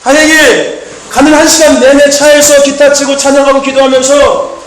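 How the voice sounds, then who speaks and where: A man preaching a sermon, telling stories with lively energy and punching key lines with shouted emphasis and calls of amen. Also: very high voice, normal speed. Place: church hall. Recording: echoey church hall. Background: congregation answering amen.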